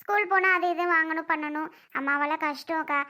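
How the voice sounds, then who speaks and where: A woman playing a soft-spoken teenage girl who talks earnestly about giving up school for her family. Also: high-pitched, steady tone, a little fast. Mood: subdued. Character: quiet teenage girl, responsible and self-sacrificing. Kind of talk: family skit acting.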